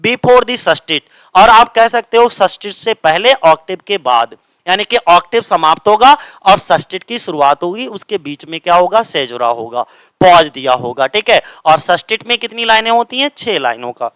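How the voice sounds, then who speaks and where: A man teaching an exam-prep literature class, asking questions and answering them himself on the lines, which he reads slowly. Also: expressive, a bit bright, clear, resonant tone, no room sound. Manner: reads English lines slowly, then explains in Hindi; voice drops low at each answer. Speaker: coaching teacher.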